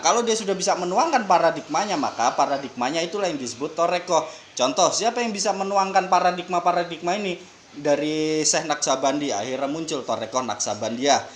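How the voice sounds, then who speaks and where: Guest speaker, Indonesian man, slightly high voice, patient teacherly explanations, faint hiss under the recording. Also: brisk. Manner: explanatory, uses everyday examples, relaxed and joking. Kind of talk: casual podcast conversation, explaining religion.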